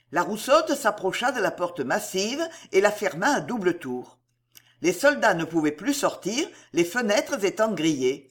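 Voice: mid-range voice, husky. An audiobook narrator reading a historical adventure novel aloud in a dramatic, vivid storytelling manner.

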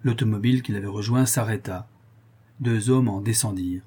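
A man reading an adventure story aloud as a narrator, in a steady storytelling manner that lifts at the dramatic turns. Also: on the low side, brisk, breathy edge. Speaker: audiobook narrator. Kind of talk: scripted narration.

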